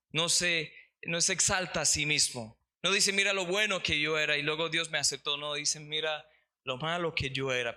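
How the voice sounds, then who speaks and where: Pastor guy preaching, really bright ringing voice, kinda high, slows down to hit the verses. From Colombia. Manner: reads scripture aloud, slows for emphasis. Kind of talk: sermon.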